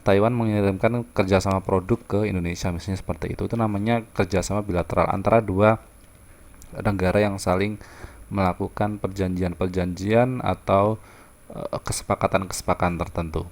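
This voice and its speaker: A man's voice: on the low side, fairly even intonation, moderate pace, darkish tone. A man teaching a social studies lesson, explaining terms patiently and repeating himself with fillers. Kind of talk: classroom lecture.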